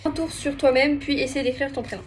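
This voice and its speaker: A young woman with a high, light voice chats casually through a home challenge vlog. She mocks herself and laughs easily. A faint background hiss sits under the recording. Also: fairly even intonation, brisk. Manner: chatty, self-mocking, bursts of laughter. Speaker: vlogger.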